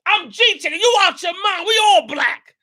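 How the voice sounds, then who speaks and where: A high, bright voice belongs to a fired-up host from New York giving a commentary monologue on his show. He is expressive and a little slow, emphatic and repetitive, and his intensity climbs into shouts.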